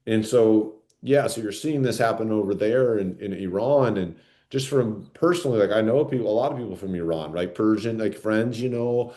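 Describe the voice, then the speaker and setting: Man, podcast co-host, casual chat, dark low voice, rambling with fillers. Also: normal speed. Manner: rambling, many fillers and tag questions.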